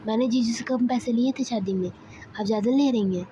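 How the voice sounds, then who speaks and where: A woman's voice: fairly high pitch, brisk, mellow, slight background noise, natural voice. Woman voicing a bossy teasing elder sister. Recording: slightly dull lo-fi recording.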